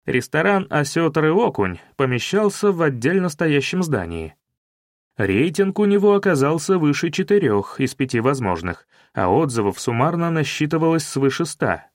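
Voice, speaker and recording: A man narrating a detective audiobook with a wry, measured delivery. His voice sits somewhat high for a man. The recording is dry and close, with no room sound at all. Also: no room sound. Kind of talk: scripted narration of a detective novel.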